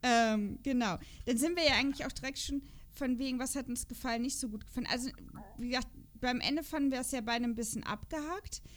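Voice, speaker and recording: Speaking quickly in a high voice with hardly any pauses, she co-hosts a podcast that reviews children's audio dramas. The conversation is loose and unscripted, and she rambles while frequently seeking agreement.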